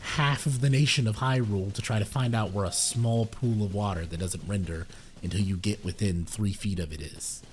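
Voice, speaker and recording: A man's voice: lowish voice, moderate pace, slight background noise. A man streaming a video game, chatting casually and joking about himself, swearing freely as he plays. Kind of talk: casual let's-play commentary. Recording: game music playing behind.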